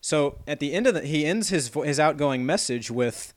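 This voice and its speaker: A man's voice: a little high, lively intonation, moderate pace, no echo. A man in casual comedic chat, telling a long rambling story and laughing often.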